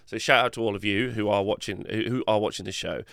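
A man's voice: lowish voice, steady tone, fast, vocal fry, fairly bright tone, no room sound, clean studio sound. A man co-hosting a casual tabletop gaming podcast, reading rules aloud and talking hesitantly with many fillers. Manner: hesitant, filler-heavy, laughs easily. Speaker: co-host.

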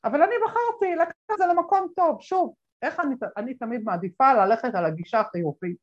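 A woman with a fairly high voice tells stories as an interview guest. She jumps into the voices of the people she quotes and fills her pauses with lots of hesitations. The sound is a little dull and lo-fi. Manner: animated, acts out quoted voices, many fillers. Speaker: guest speaker. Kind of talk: conversational interview storytelling.

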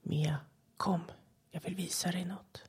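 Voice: medium pitch, gravelly, warm tone, slightly rough. A narrator in a whispered role-play, voicing a lurking creature that coaxes a child with a borrowed boy's voice. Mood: luring. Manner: coaxing whisper. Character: lurking creature mimicking a boy's voice, sly and luring.

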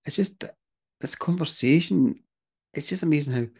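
A man's voice: fairly high pitch, moderate pace, husky. A man with an Irish accent, co-hosting a podcast in casual chat, self-deprecating and swearing now and then. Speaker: podcast co-host.

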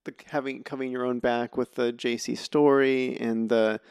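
A man's voice: mid-range voice, little pitch movement, normal speed, darkish tone, clear, resonant tone, no echo, studio quality. A man in his thirties hosting a podcast, asking short follow-up questions in a casual interview. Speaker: podcast host.

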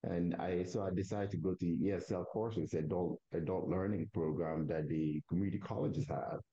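A man's voice: sits low, normal speed, mellow, husky, lo-fi sound. A man from Togo with a Togolese accent, a native Kabiye speaker, telling his story conversationally as an interview guest and often restarting his phrases.

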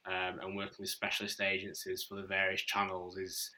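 A man with a Northern English accent, answering podcast interview questions in a measured, explanatory way with frequent fillers. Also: low-pitched, completely flat delivery, bright, forceful tone, rough recording. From Northern England. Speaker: podcast guest, marketing chief.

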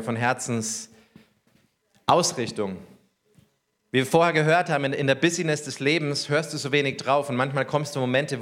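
A man's voice: medium pitch, a bit bright. A man preaching a sermon as pastor, talking conversationally and asking the congregation questions.

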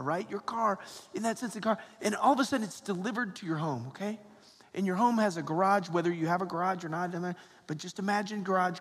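A man with a fairly high voice and an American accent speaks as a priest at Mass. His words ring through a big church with long, cathedral-like echo. The delivery is that of a sermon, plain and addressed to a congregation. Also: breathy edge. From Georgia, United States. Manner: conversational, folksy, often tags phrases with "right?" and "okay?". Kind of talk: sermon and Gospel reading at Mass. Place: large reverberant church interior. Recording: echoing church hall, long cathedral-like reverb.

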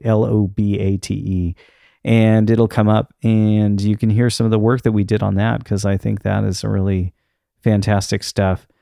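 A man talks off the cuff as a solo podcast host, in a lowish voice with a gravelly fry. He rambles casually and hesitates as he thinks aloud. The sound is close and dry. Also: mellow, no room sound. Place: untreated room in his house.

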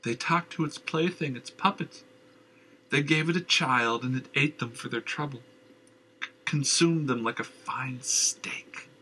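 A man voicing a haunted, raving madman who leaps between shrill cries and rasping whispers. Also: unhurried, bright, forceful tone, a little hiss or hum, poor audio. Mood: shaken. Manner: wild cackling ravings, drops to rasping whispers. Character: raving mad old man, haunted and twitchy.

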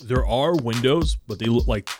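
A man's voice: medium pitch, moderate pace, noisy background. Man narrating a tabletop game. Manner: relaxed, descriptive, with filler "like". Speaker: game master.

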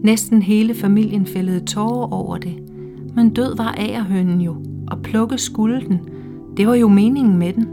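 Hushed woman reading a literary story. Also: medium pitch. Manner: slow, hushed, measured storytelling. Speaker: reader. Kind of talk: scripted literary narration. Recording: faint music underneath.

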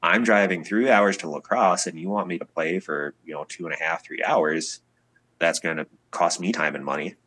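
A singer-songwriter guest on a casual podcast interview, this man talks in a low, fairly even voice at a normal speed, with a slightly bright tone. He chats easily and tells stories, acting out the people he quotes.

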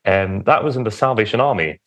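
Lowish-voiced young man, hesitant. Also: fairly quick. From England, Romford in Essex on the edge of London. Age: young adult. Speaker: podcast guest, church minister. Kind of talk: conversational personal testimony.

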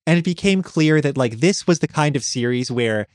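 A man's voice: on the high side, lively intonation, moderate pace, dry recording, studio quality. A man co-hosting a podcast, riffing sarcastically and sounding exasperated in a casual chat. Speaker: podcast co-host.

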